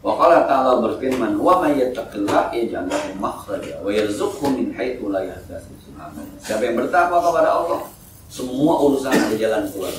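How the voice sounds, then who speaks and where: A male preacher, giving a jokey, animated sermon full of voiced quotes. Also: on the low side, fairly quick, noisy background. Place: mosque hall. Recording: echoey mosque hall, mic at a distance.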